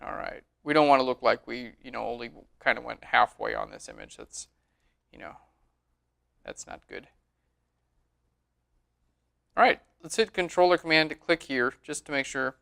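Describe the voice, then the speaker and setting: A man giving a relaxed, chatty screen-recorded tutorial on photo editing, often saying "all right". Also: medium pitch, moderate pace, vocal fry, long pauses.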